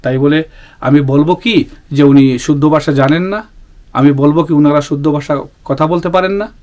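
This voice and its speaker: Hosting his own YouTube channel, a man from Sylhet, Bangladesh, addresses viewers earnestly and casually, frequently stopping with fillers and starting sentences over. His pitch sits on the high side, with a slightly mellow quality.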